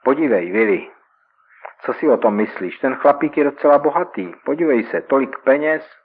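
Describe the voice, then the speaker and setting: A man's voice: mid-range voice, fairly even intonation, close to an everyday voice. A man voicing a brash young male street robber in a radio reading, taunting and mocking. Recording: tinny old radio recording.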